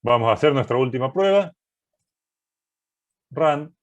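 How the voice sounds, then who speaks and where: A man's voice: mid-range voice, lively intonation, unhurried, muffled recording. A man teaching a programming class, walking through code step by step and often checking that students follow. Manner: methodical, keeps checking understanding with "¿sí?".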